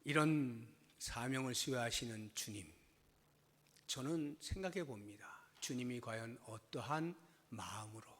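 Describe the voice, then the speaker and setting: Bright-voiced pastor preaching in a reverberant church. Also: male voice, mid-range voice. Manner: emphatic, swings from hushed to loud. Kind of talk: sermon. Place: church sanctuary.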